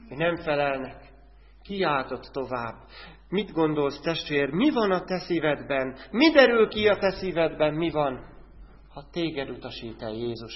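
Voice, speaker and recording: A male preacher giving a sermon, who keeps asking his listeners direct questions and swings between loud, urgent lines and hushed ones. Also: on the high side. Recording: dull sound with a long hall echo.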